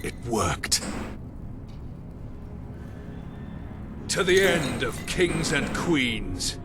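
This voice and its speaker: An actor playing a treacherous soldier turned scheming revolutionary in a video game, giving a grave, deliberate, booming villain monologue. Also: male voice, sing-song. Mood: triumphant. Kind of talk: dramatic video game acting. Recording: echoing voice under loud music.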